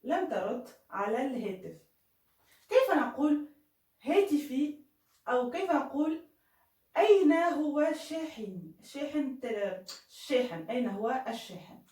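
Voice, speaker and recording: A woman teaching Spanish in an online lesson, saying Spanish phrases slowly and clearly between quicker explanations. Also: high voice, animated, a little mellow, roomy sound, distant mic, low-quality recording.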